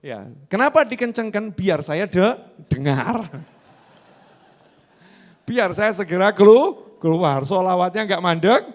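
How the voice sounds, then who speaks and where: Lively Javanese-accented preacher. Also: male voice, sits high. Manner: lively, asks the congregation questions. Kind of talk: sermon. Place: mosque.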